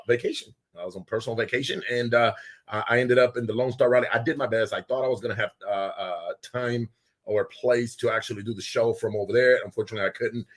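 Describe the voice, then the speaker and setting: A man hosting a casual live show from a small studio with guests, loud and excitable, often laughing. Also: medium pitch. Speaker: host.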